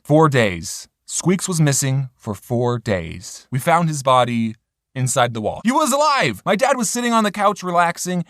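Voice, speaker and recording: A young man telling funny scripted stories from his own life as a vlogger, with deadpan jokes and sudden drops and jumps in his voice. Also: no room sound, studio quality. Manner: deadpan jokes, sudden shifts between high and low voice. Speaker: animated storytelling vlogger. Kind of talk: scripted comedic narration.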